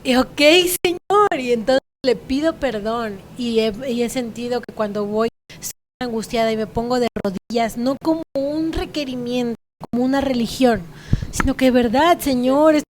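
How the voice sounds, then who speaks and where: A woman with a Mexican accent shares her faith testimony in a frank, earnest, conversational way. Her voice sits high, with a faint hiss in the background. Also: normal speed, a little mellow. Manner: earnest, frank, laughs at herself. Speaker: guest giving testimony.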